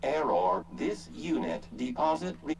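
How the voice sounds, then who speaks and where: A man's voice: a little high, sing-song, a little slow, a little hiss or hum. A man voicing a stiff, glitching vending robot in a video game, speaking in a clipped, announcing way and breaking off words like a computer processing.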